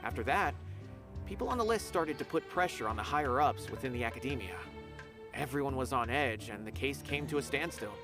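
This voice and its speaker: Loud background music accompanies this game dialogue, where an actor plays an earnest, courteous young academy officer delivering news. The performance is lightly acted, with an expressive mid-range voice and a brisk pace.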